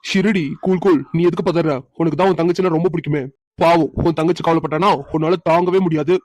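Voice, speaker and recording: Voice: medium pitch, flat delivery, quick pace, darkish tone, no echo, natural voice. A performer voicing a playful young husband in a cartoon who teases his wife with chuckles. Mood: teasing. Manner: teasing, chuckling. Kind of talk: cartoon voice acting.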